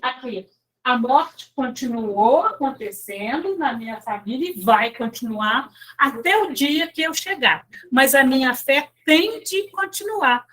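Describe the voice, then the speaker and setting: High-pitched woman chatting through a spiritual talk, lots of little asides to the group. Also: lively intonation, a little slow, fairly bright tone. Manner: chatty, storytelling with filler tags and asides to listeners. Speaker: lay speaker at a spiritist center.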